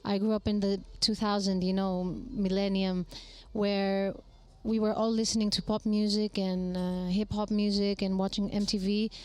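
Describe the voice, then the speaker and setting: A woman's voice: medium pitch, flat delivery, normal speed, hardly any pauses, dark tone, clean tone. A woman in her thirties from Greece, speaking English with a Greek accent as a guest in an interview, thoughtful and searching for words. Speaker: singer guest. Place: small mobile studio at a festival.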